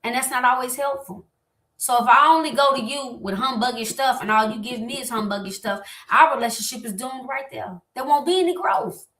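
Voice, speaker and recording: A woman hosting a motivational talk on relationships, lively and animated, speaking straight to her listeners. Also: fairly high pitch, fairly quick. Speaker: host. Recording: echoey room.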